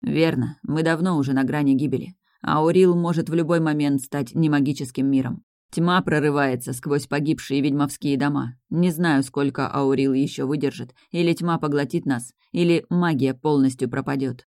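Woman reading a devoted, remorseful young male mage for an audiobook; low-key, mellow, dry close mic. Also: fairly even intonation, moderate pace, no room sound. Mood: grave. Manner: tender, regretful.

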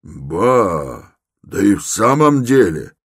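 Man doing a gruff impatient middle-aged man, grumbling, low voice, dry read. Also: very animated, slow, a bit bright, no echo, full character voice. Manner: grumbling, irritable.

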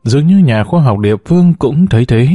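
A man reading a story aloud at a steady pace, with a dark, mellow timbre. The recording is dry and close, with no room echo, and his pitch sits in an ordinary middle range. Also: brisk. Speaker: narrator. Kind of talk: audiobook reading.

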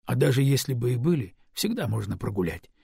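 A husky-voiced man voicing a calm, easygoing young husband, reassuring his wife, in an audiobook. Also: mid-range voice, brisk, dry recording, clean studio sound, full character voice.

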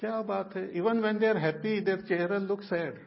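A man's voice: sits high, brisk, creaky. A man with a North Indian accent giving a religious discourse as a spiritual teacher, repeating key words for emphasis and slipping between English and Hindi. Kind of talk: religious discourse explaining Sanskrit terms to listeners. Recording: dull lo-fi audio.

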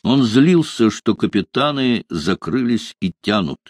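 A man narrating an audiobook in an expressive, varied manner. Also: lowish voice, a little slow, dry recording.

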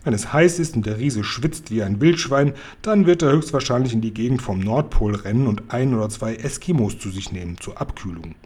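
A man's voice: medium pitch, expressive, fairly quick, hardly any pauses, a little mellow, husky. A man doing Guri, a kind word-mangling giant. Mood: earnest. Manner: mangles words, folksy and good-natured. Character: kind big friendly male giant. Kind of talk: bedtime story reading.

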